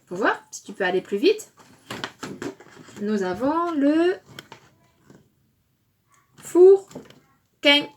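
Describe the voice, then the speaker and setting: A woman teaching young children their syllables at a very unhurried pace. Her fairly high voice swings widely as she punches out each sound and cheers the listener on. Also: big pitch swings, slight background noise. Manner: slow and deliberate, stressing each syllable loudly; encouraging, praising the listener. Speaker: kindergarten teacher. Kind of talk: phonics lesson for young children.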